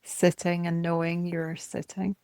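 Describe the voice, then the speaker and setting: A meditation teacher leads a body scan in a lowish, noticeably creaky voice, calm and gentle, setting down short, measured phrases one at a time. The recording is close and dry, with no room sound at all.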